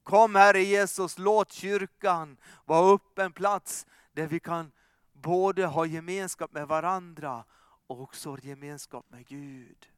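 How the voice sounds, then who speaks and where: A man preaching a sermon with fervour, swinging from loud calls to soft, hushed asides. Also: a little high, smooth, dry recording, clean studio sound.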